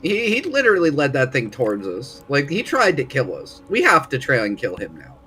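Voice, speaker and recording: A man's voice: medium pitch, wildly swooping pitch, fairly quick, sharp tone, slight background noise. A man in casual, slangy tabletop game chat.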